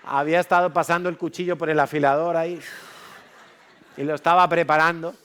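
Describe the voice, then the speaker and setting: A man's voice: on the high side, fairly even intonation, brisk, fairly bright tone, clean tone. A man from Spain preaching in church, telling a story with acted-out dialogue. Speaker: pastor. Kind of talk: sermon.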